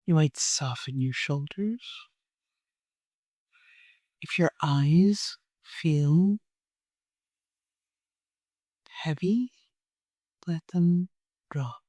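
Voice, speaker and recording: In a gentle, soothing manner, someone guides a meditation with long, unhurried pauses. The voice is mid-range, and the studio-quality recording has no echo.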